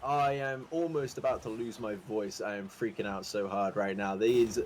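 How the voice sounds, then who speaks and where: A man giving esports color commentary, joking and breaking into excited exclamations. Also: on the low side, normal speed, a little hiss or hum, low-quality recording.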